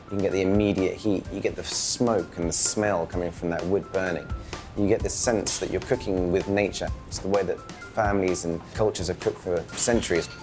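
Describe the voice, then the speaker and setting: Deep-voiced male chef, documentary interview, explains with pride, music under it. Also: steady tone, brisk. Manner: proud, explanatory. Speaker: restaurant chef. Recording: music bed under speech.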